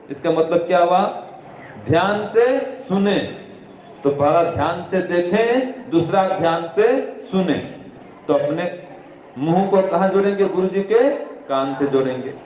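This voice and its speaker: Guy with a high voice lecturing kids on study habits, repeats himself a lot, sounds like a phone line. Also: a little hiss or hum. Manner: didactic, repeats key points, asks and answers own questions. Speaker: religious teacher addressing students. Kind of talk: spoken moral instruction. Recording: echoey room over a tinny phone-like line.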